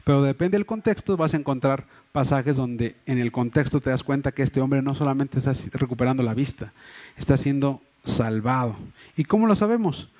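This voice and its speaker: A man's voice: mid-range voice, moderate pace, darkish tone. A man preaching a sermon as pastor, with a Mexico City Spanish accent, explaining earnestly with many fillers and restarts. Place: church hall. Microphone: livestream microphone.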